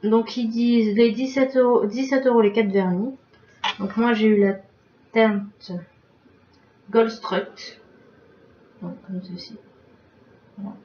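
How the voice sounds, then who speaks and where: A woman's voice: fairly high pitch, fairly even intonation, slow pace, long pauses, mellow, slight background noise. A woman vlogger chatting casually through a beauty box unboxing, filling her talk with little filler words, recorded on a webcam at home. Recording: roomy, distant, dull webcam sound.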